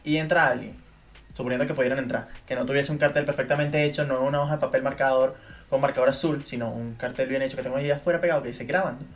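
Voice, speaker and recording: A man's voice: medium pitch, steady tone, fast. A young man, co-hosting a podcast and ranting emphatically about his pet peeves, repeating his points. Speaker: podcast co-host. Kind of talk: casual chat.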